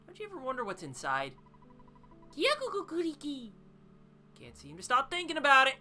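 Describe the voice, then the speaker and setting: A woman voicing a cheerful little alien creature, reading game dialogue aloud with high chirpy babble between lines. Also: huge pitch swings, normal speed, bright, forceful tone, full character voice.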